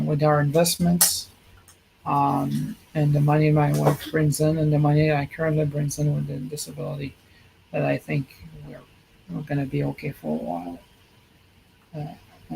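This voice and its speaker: A middle-aged man chats in a low-key, rambling way on a livestream from a hospital room. His voice has a gravelly, creaky edge. A faint hum sits behind him. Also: darkish tone, poor audio. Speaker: streamer giving a health update. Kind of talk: casual livestream chat.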